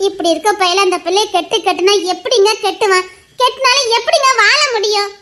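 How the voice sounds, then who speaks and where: A woman's voice: very high-pitched, fairly quick, pushed and bright. A woman playing a protective middle-aged mother who defends her son and argues with her husband in a pleading, reasoning way. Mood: defensive. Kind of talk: amateur audio drama.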